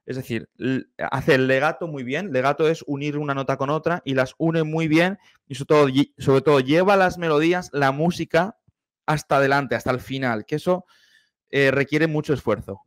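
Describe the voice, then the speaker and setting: A man's voice: on the high side, moderate pace, no room sound, clean studio sound. A man, a choir director giving enthusiastic, explanatory commentary while reacting to a singer. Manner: explanatory, enthusiastic, hums vocal demonstrations.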